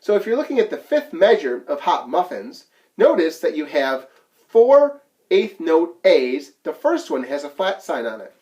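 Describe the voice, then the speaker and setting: A man's voice: fairly high pitch, huge pitch swings, brisk, darkish tone. A man teaching a flute lesson, counting beats aloud and explaining each musical term plainly. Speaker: band teacher.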